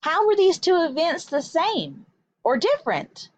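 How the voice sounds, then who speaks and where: With deliberate emphasis and an instructional manner, a woman teacher reads a picture book to little children. Her pitch is extremely high and swoops wildly, heard in a slightly dull recording without echo.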